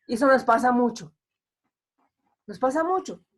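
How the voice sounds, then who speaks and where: A woman's voice: on the high side, expressive, normal speed. A woman pastor preaching an online sermon in a conversational way, acting out the complaints of the people she quotes.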